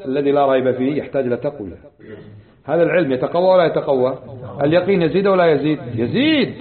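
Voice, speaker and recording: A man teaching a lesson on Islamic creed, quizzing his audience with rhetorical questions in a conversational way. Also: sits high. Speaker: religious teacher. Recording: tinny lo-fi lecture recording.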